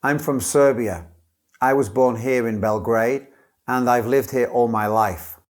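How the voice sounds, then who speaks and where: A man speaks in a clear, careful, measured way. He teaches English and gives scripted model answers as a candidate in a mock test. His voice sits at a middle pitch.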